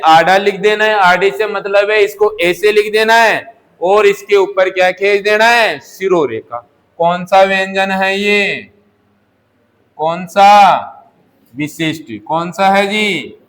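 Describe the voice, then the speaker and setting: Man, Hindi teacher, classroom lesson, slow pace, repeats questions and answers. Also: high-pitched, a bit bright. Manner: asks questions and answers them himself, repeating key words. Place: coaching classroom.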